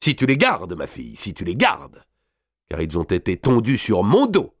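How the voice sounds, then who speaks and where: A man's voice: on the low side, huge pitch swings, moderate pace, vocal fry, no room sound, studio quality, voice pushed up, heavily acted. A man reading an audiobook, voicing a domineering, gluttonous older countess who shrieks in fury. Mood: furious. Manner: shrieking, furious outbursts. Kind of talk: audiobook character voice.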